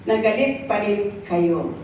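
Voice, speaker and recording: A woman's voice: medium pitch, expressive, slow pace, a little mellow, slight background noise. Woman preaching in an echoey hall. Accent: Filipino. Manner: Taglish preaching, asks "okay?" and "right?" often. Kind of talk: sermon. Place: church hall. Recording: echoey hall recorded from far off.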